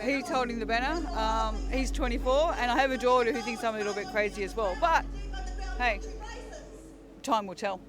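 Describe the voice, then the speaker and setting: Chatty middle-aged woman over loud music. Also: on the high side, normal speed. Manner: chatty, laughing asides. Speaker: rally attendee. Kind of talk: street interview. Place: outdoor rally. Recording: loud music and crowd behind. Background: music and crowd.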